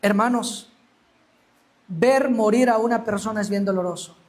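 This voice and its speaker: High-voiced emphatic male preacher. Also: normal speed. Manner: emphatic, acts out quoted Bible speech. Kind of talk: sermon.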